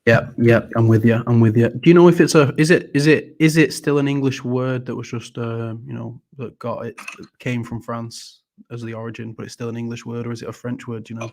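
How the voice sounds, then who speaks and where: Male host, casual chat, monotone, stumbling, repeats words, friendly. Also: mid-range voice, fairly quick. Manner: hesitant, repeats words, apologetic; friendly, calls people mate. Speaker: host of a live audio auction panel.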